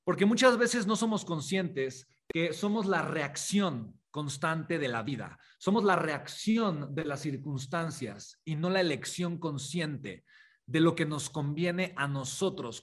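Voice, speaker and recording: High-voiced man, motivational talk. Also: animated, measured pace, fairly bright tone. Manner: hesitant, many fillers and restarts, rhetorical questions. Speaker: motivational speaker. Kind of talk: live motivational talk with storytelling.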